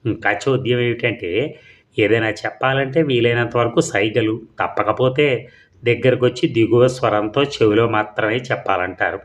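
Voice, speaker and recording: A man voicing a meek young wife who speaks in a hushed, patient, pleading way. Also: mid-range voice, moderate pace, natural voice. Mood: hushed, rueful.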